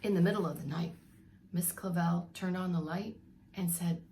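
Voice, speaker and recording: A preschool teacher reads a picture book to young children with expression, stopping to explain things and ask questions. Her voice is on the low side, and the recording is very noisy.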